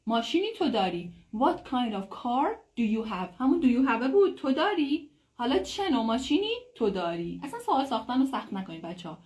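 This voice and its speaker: A woman who speaks Persian natively, giving a casual English lesson, explaining in a chatty way and saying English phrases slowly and clearly. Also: on the high side, darkish tone. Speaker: English teacher. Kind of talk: casual online language lesson.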